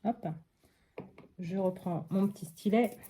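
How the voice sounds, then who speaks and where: A woman's voice: mid-range voice, slow pace, a little hiss or hum. A woman from France talking through a scrapbooking project step by step, with frequent fillers and little "hop" sounds as she works. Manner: narrates each step with many fillers and soft "hop". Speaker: crafting vlogger. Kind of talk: casual crafting commentary.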